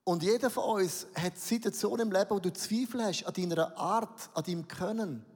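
A middle-aged pastor with a Swiss German accent tells a funny, self-mocking story in a sermon, acting out the dialogue. His voice sits high for a man. The long reverb of a large hall carries every word. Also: moderate pace, darkish tone, slightly rough.

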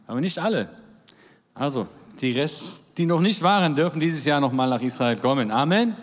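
A man's voice: fairly high pitch, animated, moderate pace. Jovial man speaking in a reverberant church hall. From Germany. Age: 40s. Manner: jovial, with jokes and amens. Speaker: guest speaker. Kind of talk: church talk.

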